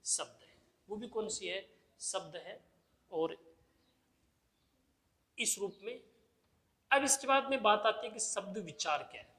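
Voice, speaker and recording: A man's voice: sits high, animated, slow pace, pauses often, bright, forceful tone. A male teacher giving an exam-prep grammar lesson, who asks the class questions and answers them himself, repeating the key terms. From India.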